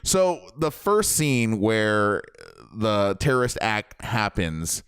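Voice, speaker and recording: A young man co-hosting a podcast, chatting casually and jokily about a film in a rambling, animated way. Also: on the low side, slow pace, clear, resonant tone, no room sound, studio quality. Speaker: podcast co-host. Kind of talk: casual film review chat.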